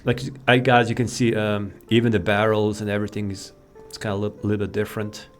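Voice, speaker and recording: Talking fast in a lowish, level voice, a man walks viewers through a modded game for his gaming video. His commentary is casual, rambling and easily sidetracked, with faint game music underneath.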